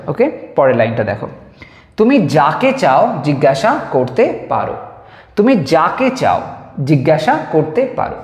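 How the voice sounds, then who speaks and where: A man teaching an English grammar lesson, patiently repeating examples and slowing down to spell them out. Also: fairly high pitch. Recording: echoey room with long reverb.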